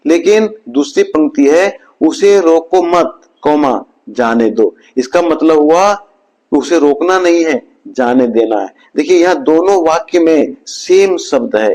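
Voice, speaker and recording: Slow, measured male speaker. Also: darkish tone, low-quality recording. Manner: slow, measured delivery, dropping low at the end of each point. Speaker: motivational speaker. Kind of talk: scripted motivational talk.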